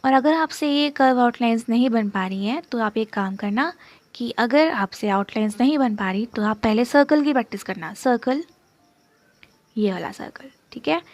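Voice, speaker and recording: Speaking at a normal pace in a slightly high voice, she walks through a shorthand lesson one step at a time while writing. She repeats terms patiently and keeps checking in with "okay?", and the recording is dry.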